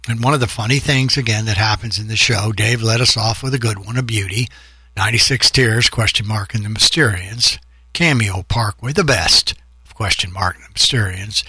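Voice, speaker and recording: A man's voice: lowish voice, normal speed, bright, forceful tone, slightly rough, no echo, clean studio sound. A man hosting a home music podcast, talking in a loose, chatty, upbeat way. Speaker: podcast host. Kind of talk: casual rambling show talk.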